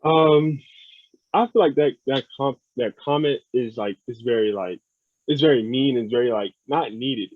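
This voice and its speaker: A man's voice: medium pitch, normal speed, no echo. A young American man, a podcast guest, talking earnestly and thoughtfully, often repeating words as he thinks. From United States. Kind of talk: casual podcast conversation. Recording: dry, phone-like sound.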